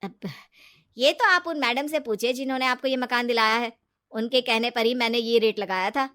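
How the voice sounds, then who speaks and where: A woman's voice: a little high, normal speed, fairly bright tone, natural voice. A woman voicing a male property dealer who deflects blame defensively.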